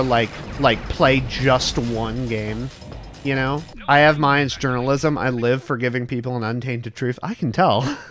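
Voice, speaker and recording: A man's voice: medium pitch, a bit bright. Casual man streaming over music. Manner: earnest, informal, frequent swearing. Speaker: VTuber streamer. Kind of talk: casual rambling livestream chat. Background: background music.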